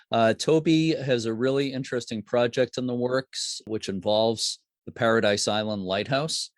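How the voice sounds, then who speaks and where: A man hosting a podcast, interviewing a guest over a video call in a relaxed, friendly way. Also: medium pitch, no echo, studio quality. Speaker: podcast host.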